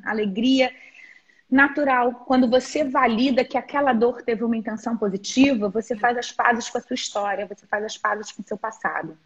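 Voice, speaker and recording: A woman in her forties with a Brazilian Portuguese accent, a therapist speaking as a guest in a live-stream interview. She explains earnestly and haltingly, with many restarts. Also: a little high, slightly rough, lo-fi sound. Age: 40s. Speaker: guest therapist and teacher of energetic alignment.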